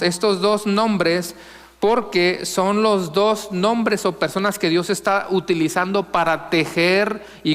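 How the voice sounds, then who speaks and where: Male pastor, high clear voice, reverberant sanctuary, question-and-answer preaching. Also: a bit bright. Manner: asks the congregation questions and answers them; slow, emphatic reading of scripture. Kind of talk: sermon.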